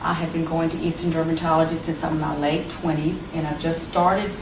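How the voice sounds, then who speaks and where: Speaking fairly quickly in a deep, level voice, this fifties-aged woman answers interview questions as a patient offering a testimonial, chatting with hesitant fillers. The recording is echoey and noisy, her voice coming from off-mic.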